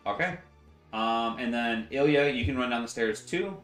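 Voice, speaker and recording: A man's voice: medium pitch, moderate pace. A man running a tabletop game as game master, narrating with lots of fillers. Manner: relaxed, filler-heavy narration. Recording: roomy echo, faint music.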